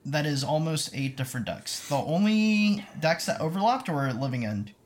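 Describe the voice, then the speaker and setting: A podcast co-host chatting casually, reading out results in a relaxed way. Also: medium pitch, moderate pace. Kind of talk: casual chat.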